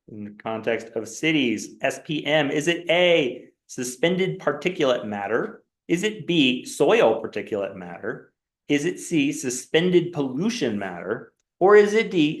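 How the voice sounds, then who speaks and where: In an echoey lecture classroom, a man whose voice is on the high side leads a class quiz review game, reading multiple-choice choices aloud with a rising, questioning tone.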